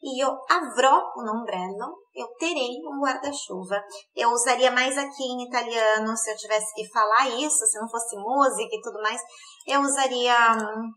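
A woman teaching an online Italian lesson in Portuguese, slowly repeating words for pronunciation. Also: fairly high pitch, bright, forceful tone, rough recording.

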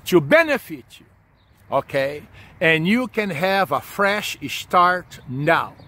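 A man's voice: high voice, a bit bright. A man in his forties preaching informally and earnestly to camera, repeating himself and punctuating his points with short check-ins. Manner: earnest, repetitive, punctuated with "okay" and "amen". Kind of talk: informal sermon of encouragement spoken to camera. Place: outdoors under a leafy tree.

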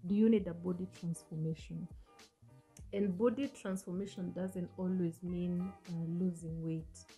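Speaking at a measured pace, this African host in her forties delivers a motivational talk, questioning the listener in an earnest, coaching way. Her voice is dark-toned, fairly low and fairly even, with faint music in the background. English isn't her first language, which is an African one, and she sits on a sofa in a small room, talking into a stand-mounted studio mic in front of her.

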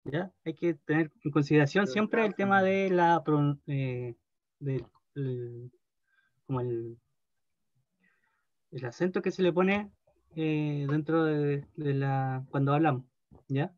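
Slow-speaking man teaching a class. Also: fairly high pitch, no echo, lo-fi sound. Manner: slow, deliberate, checks in with "¿ya?". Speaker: language teacher. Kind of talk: online language class.

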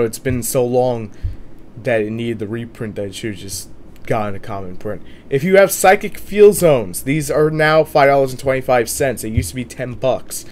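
A man with a sore throat, feeling sick, giving casual, informal video commentary as host of a price guide. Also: medium pitch. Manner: informal, mild swearing. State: under the weather with a sore, swollen throat.

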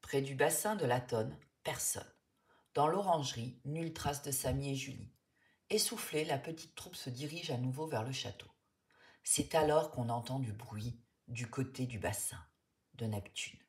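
A woman narrating a children's storybook in an expressive, lively way. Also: rumbling low, moderate pace.

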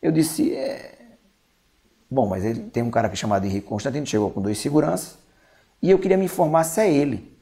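A man's voice: medium pitch, animated, fairly quick, vocal fry, mellow. A man, recounting a phone conversation in an interview. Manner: recounts a conversation step by step, quoting himself. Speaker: event sponsor contact, interviewee.

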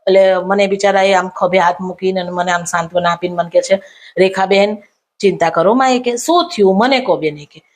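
A woman telling a comic anecdote to camera, acting out what others said in a raised voice. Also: a little fast. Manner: animated retelling, acting out quoted lines in raised pitch. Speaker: comic storyteller.

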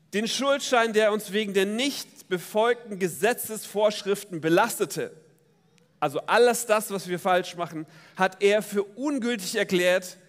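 High-voiced preaching man in echoing church. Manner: lively preaching, addresses the congregation directly. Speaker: pastor. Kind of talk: sermon at a baptism service. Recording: long church reverb.

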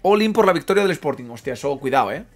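Excitable Asturian man commentating his game. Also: on the high side, fast talker, soft background music. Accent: Asturian Spanish. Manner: excitable, swears freely, repeats himself, reacts loudly to plays. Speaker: gaming streamer. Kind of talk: casual live commentary over a football video game.

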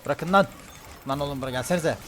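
A male streamer giving live, excitable commentary on his own gameplay, often shouting and repeating words in quick bursts. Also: fairly high pitch, slight background noise.

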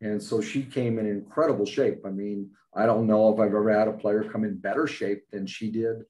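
Fairly low in pitch and fairly quick, this older man's warm voice keeps a fairly even intonation over a rough recording. He's a basketball head coach giving plain-spoken, matter-of-fact postgame press conference answers riddled with fillers, joining by video call from a desk webcam indoors in front of a logo backdrop.

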